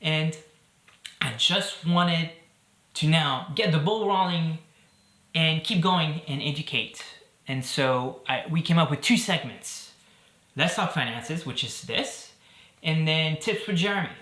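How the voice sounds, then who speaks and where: Bright and pushed, with a fairly high pitch, the voice belongs to a Belgian man in his thirties hosting a casual, upbeat talk to camera. He jokes and uses fillers, and the recording is reverberant.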